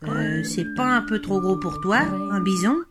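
Une femme qui fait la voix d'un ver de terre mâle timide et sceptique, qui hésite en parlant, sur fond de musique. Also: female voice, mid-range voice, animated, unhurried, close to an everyday voice. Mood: doubtful. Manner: hesitant, mumbling with "euh". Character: timid, doubtful male earthworm friend. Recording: music playing behind.

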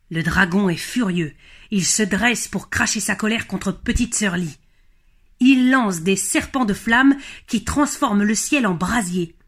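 A woman narrating a children's storybook in a lively, expressive, rhythmic way. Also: mid-range voice.

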